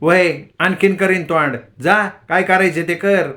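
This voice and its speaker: A male narrator voicing a quick-tempered village wife who scolds in a shrill, sharp voice. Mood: shrieking angry.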